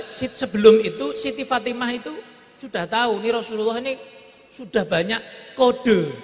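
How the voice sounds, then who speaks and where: A man's voice: very high voice, gravelly, a bit bright, big-room sound. A man with a Javanese accent preaching a storytelling sermon, slipping into Javanese and acting out the dialogue of the story. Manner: mixes Javanese into his talk, acts out the story's dialogue.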